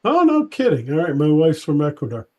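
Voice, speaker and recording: A man hosting a laid-back interview, his voice mellow and a little high. He rambles, trailing off and starting over between thoughts. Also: wildly swooping pitch, a little fast, muffled recording. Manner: rambling, many fillers and restarts. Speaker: interview host. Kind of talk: casual interview chat.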